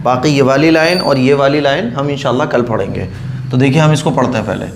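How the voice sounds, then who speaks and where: A man's voice: medium pitch, quick pace, vocal fry, background noise. A man teaching Quran reading step by step, patiently drilling each letter and repeating the rule. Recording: echoey room.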